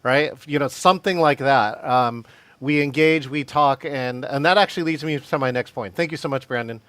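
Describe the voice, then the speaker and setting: A man presenting a live video-call training session on virtual meetings, energetic, laughing often and calling on attendees by name. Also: medium pitch, moderate pace, no room sound.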